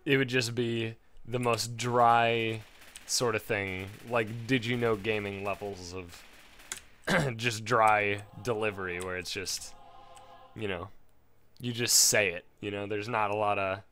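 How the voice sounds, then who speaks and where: A man's voice: on the low side, fairly even intonation, measured pace, sharp tone, slight background noise. A man doing casual, crude gameplay commentary, rambling between topics, his voice strained and failing.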